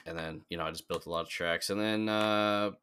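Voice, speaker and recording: Low-voiced young man rambling casually. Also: steady tone, brisk, pushed and bright, a little hiss or hum. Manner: rambling, many fillers and restarts. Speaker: podcast guest. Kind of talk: casual chat.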